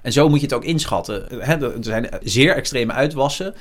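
A man in his forties, a news journalist, talking frankly and reflectively in an interview, often pausing with hesitations. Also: mid-range voice, expressive. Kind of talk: candid interview conversation.

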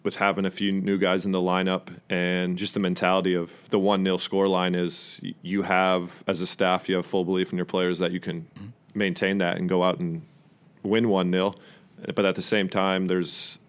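A man coaching a soccer team, calmly explaining tactics on a podcast. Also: low voice, smooth. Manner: measured, explanatory. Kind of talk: tactical analysis.

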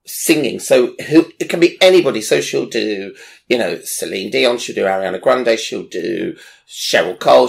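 Very gravelly chatty man. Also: mid-range voice. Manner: chatty, enthusiastic, rambling with fillers. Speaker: presenter. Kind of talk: casual chat recommending online creators.

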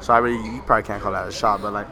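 A man's voice: on the low side, level tone, racing, creaky, a crowd in the background. A young man chatting casually in a frat bro manner, telling stories with slangy, filler-heavy talk peppered with "bro". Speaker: amateur fighter in training. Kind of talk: casual chat, animated storytelling.

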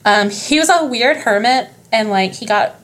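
A woman's voice: on the high side, animated, moderate pace, fairly bright tone. A young woman guest on a casual podcast, telling history stories in a rambling, profane way with many fillers and asides. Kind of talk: casual storytelling chat.

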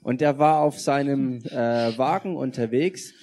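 A man's voice: medium pitch, a little slow, darkish tone. A man interpreting a sermon phrase by phrase, with some hesitations. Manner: follows each phrase closely, some hesitations.

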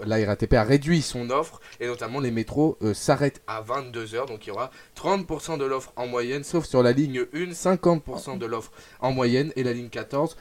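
A young man hosts a live radio show in a mid-range voice, introducing segments and running a quiz. He's lively and animated, with plenty of fillers.

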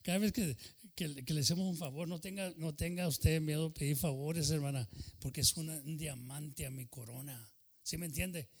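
A man, a pastor who leads a sermon and prayer, talks fast and sometimes unclearly, and keeps calling out "Señor". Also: fairly high pitch, long reverb tail. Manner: fervent praying, repeating "Señor". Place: church service.

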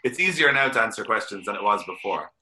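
A man's voice: fairly low pitch, expressive, fast, sharp tone. A man with an Irish accent, a guest on a podcast, chatting casually and opinionatedly with many restarts. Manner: opinionated, loose rambling with restarts. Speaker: podcast guest, drifting driver.

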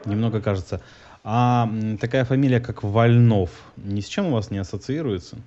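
A man's voice: on the low side, normal speed, dark tone, slight background noise. A man on a phone call, complaining in an insistent, argumentative way. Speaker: prank-style caller complaining to call centres. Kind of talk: phone conversation. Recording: slightly dull, lo-fi call recording.

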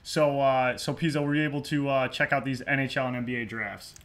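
Bright-voiced young man hosting a sports podcast. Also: mid-range voice, steady tone, fairly quick. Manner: loose, profane, self-mocking. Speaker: podcast host. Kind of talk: casual sports podcast chat. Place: hot home garage.

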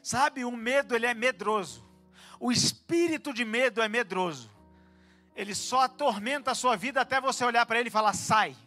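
A man preaching a fervent sermon in a church, swinging between calm teaching and loud, shouted exhortations, with quick asides to people in the room. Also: extremely high pitch, faint music behind. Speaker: pastor.

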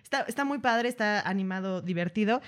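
Mexican woman, 30s, podcast co-host; casual, slangy, animated delivery. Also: mid-range voice, fairly quick. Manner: slangy, animated, laughs often. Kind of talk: casual chat.

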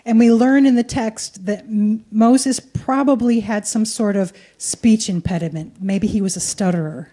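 Her mid-range voice is dark in tone and unhurried. She delivers a sermon in brief, colloquial phrases, keeping it conversational for live interpretation.

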